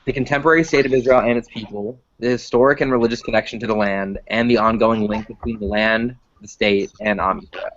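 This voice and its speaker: A man's voice: fairly low pitch, fairly even intonation, quick pace, hardly any pauses, a bit bright. A teenage boy hosting an online video call, reading his prompts with fillers. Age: teens. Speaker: host. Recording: dull lo-fi call audio.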